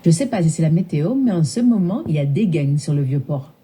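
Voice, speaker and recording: A woman's voice: low-pitched, lively intonation, brisk, dark tone, husky. A synthetic woman's voice playing a chirpy female voice assistant with a put-on Southern French accent and playful regional slang. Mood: cheerful.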